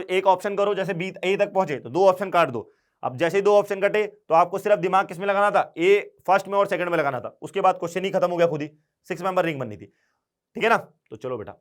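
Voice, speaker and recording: A man teaching chemistry exam problems, urging students along with quick repeated questions and answers. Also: high voice. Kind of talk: exam problem-solving lesson.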